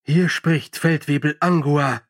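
A brisk young woman sergeant in an audiobook, as a male reader puts her on, handing out orders crisply and expecting them done. The delivery is firm and matter-of-fact, in a fairly high male reading voice. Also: fairly even intonation, dry recording, clean studio sound. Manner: brisk, commanding.

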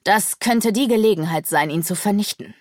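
A woman's voice: mid-range voice, normal speed, no room sound, studio quality, natural voice. A woman playing an arrogant male demon sorcerer, harsh and commanding. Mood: haughty. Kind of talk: audiobook character voice.

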